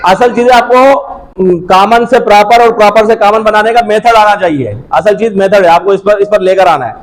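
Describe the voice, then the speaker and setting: Guy teaching a class, kinda high voice, loud, keeps asking and repeating prompts. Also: fairly quick, rough recording. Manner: drills students with repeated questions and prompts. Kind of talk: classroom grammar lesson.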